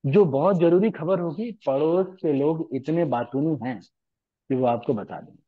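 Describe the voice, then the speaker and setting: A man's voice: fairly high pitch, a little slow, slightly rough, narrow, tinny audio. Man giving a conversational scripture class. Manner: conversational, asks rhetorical questions. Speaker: lecturer on scripture. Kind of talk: devotional Hindi lecture.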